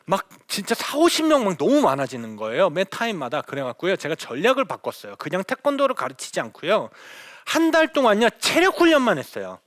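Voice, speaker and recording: A middle-aged man, a missionary, telling stories to an audience in a lively lecture, acting out the dialogue. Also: high voice, no room sound, clean studio sound. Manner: animated storyteller, acts out quoted dialogue.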